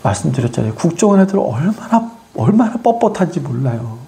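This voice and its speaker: A preacher delivering a sermon, firing rhetorical questions at the congregation and swinging between loud exhortation and quiet asides. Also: mid-range voice, big pitch swings, brisk, vocal fry, slight background noise.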